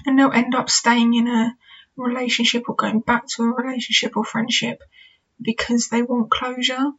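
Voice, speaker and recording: Young woman, chatty candid advice talk, breathy, flat delivery, dull lo-fi sound. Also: fairly high pitch, normal speed. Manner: chatty, candid, reflective, with fillers like "you know" and "kind of". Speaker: podcast host. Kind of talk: casual solo advice talk. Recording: dull lo-fi recording.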